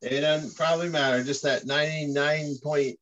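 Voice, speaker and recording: A man's voice: on the high side, steady tone, normal speed, a bit bright. A sixty-year-old man joking offhandedly on a video call. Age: 60s. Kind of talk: casual video call chat. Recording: dull lo-fi call audio.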